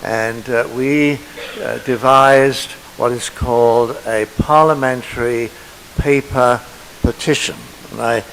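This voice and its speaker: Man presenting to a church meeting; slow, halting, gravelly, faint hiss. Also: mid-range voice, fairly bright tone, low-quality recording. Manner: halting, with many filler pauses. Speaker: church member presenting a petition. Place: meeting hall.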